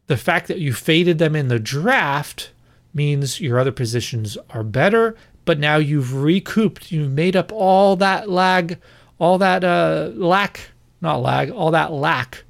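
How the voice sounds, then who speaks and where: A man's voice: a little high, takes it slowly, vocal fry. A man giving an opinionated fantasy football breakdown in a casual, conversational monologue, correcting himself as he goes.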